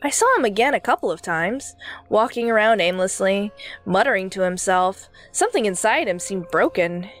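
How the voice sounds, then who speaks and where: A woman's voice: mid-range voice, lively intonation, moderate pace, faint music behind, voice pushed down, lightly acted. A woman reading game dialogue aloud, voicing a baby character as a world-weary old man who rambles through his stories.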